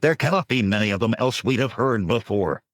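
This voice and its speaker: A man voicing a gruff one-eyed male bandit leader who barks commands. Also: mid-range voice, animated, a little fast, dry recording, studio quality, pitched above the performer's own voice, close to an everyday voice. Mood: commanding. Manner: commanding, barking.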